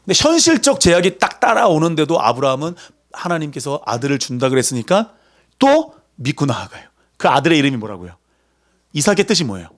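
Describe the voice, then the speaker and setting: A man preaching a sermon in a lively, conversational way, acting out voices as he goes. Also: on the high side, fairly quick. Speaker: pastor.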